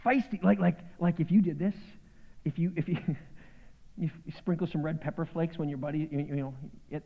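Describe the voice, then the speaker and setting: A man preaching a sermon as pastor, conversational and joking, with animated bursts. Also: fairly high pitch. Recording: phone-like sound with long hall reverb.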